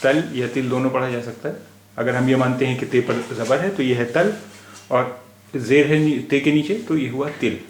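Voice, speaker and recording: A man's voice: medium pitch, moderate pace, echoey room, slight background noise. A man teaching a spelling lesson, patiently spelling out letters and repeating each word. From India. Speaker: language teacher.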